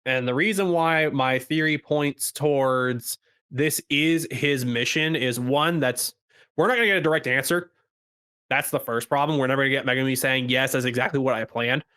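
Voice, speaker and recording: A man's voice: mid-range voice, moderate pace, sharp tone, smooth. A man co-hosting a podcast in casual chat, laying out an argument step by step. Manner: argumentative, lays out his case step by step. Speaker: podcast co-host.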